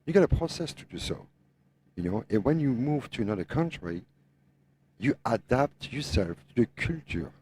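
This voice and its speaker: A middle-aged French truck driver, an owner-operator and native French speaker, shares his opinions as a podcast guest in a French-Tennessee accent. His English is non-native, emphatic, and repetitive. His voice is medium-pitched, a little mellow, very animated at a moderate pace, with slight hiss or hum.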